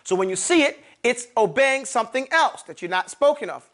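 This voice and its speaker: A man's voice: very high voice, animated, fairly quick, fairly bright tone. A man teaching an Arabic grammar lesson in a mosque classroom, quizzing his students and drilling terms by repeating them.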